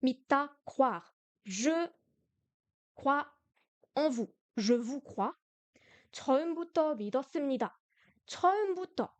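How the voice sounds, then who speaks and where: A woman teaching a beginner Korean lesson in French on a live stream, explaining slowly, repeating words and correcting herself. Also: sits high, very animated, dry recording.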